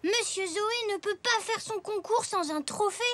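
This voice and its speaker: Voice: very high voice, moderate pace. A performer playing Zou, an eager and helpful young zebra boy in a French children's cartoon, with a French accent. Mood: concerned, determined. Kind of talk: animated children's cartoon dub. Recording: clear music behind the voice.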